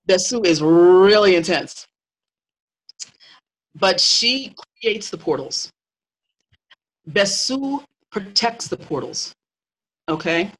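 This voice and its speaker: A host of a live talk, explaining spiritual lore in a teaching way, pausing and restarting often. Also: mid-range voice, fairly bright tone, low-quality recording. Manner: explanatory, with many fillers and restarts.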